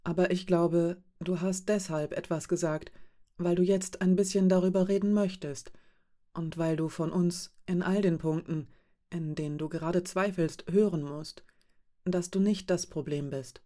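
A woman reading an audiobook, voicing a companion who speaks softly and reassuringly. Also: fairly low pitch, fairly even intonation, unhurried, close to an everyday voice. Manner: soft, gentle, reassuring. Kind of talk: audiobook character voice.

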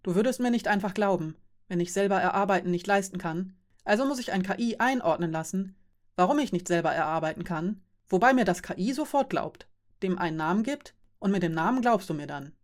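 Woman voicing a weary fairy, calm even explaining, mid-range pitch. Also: brisk, lightly acted. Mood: resigned.

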